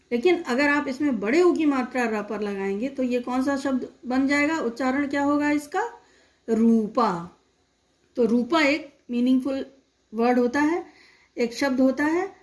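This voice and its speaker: A young woman with a high, light voice guides young pupils through a lesson. She breaks each word into its sounds and repeats them patiently, asking simple questions as she goes. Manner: slow, patient, spells words sound by sound. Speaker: teacher. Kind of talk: online primary-school lesson.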